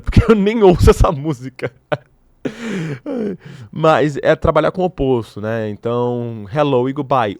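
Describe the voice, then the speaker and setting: A young man from Brazil talks straight into a close microphone, animated and opinionated, pushing his views with playful provocation. His voice sits at an ordinary middle pitch. The room sound is dry, with no echo around him. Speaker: podcast host. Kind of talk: casual commentary to camera.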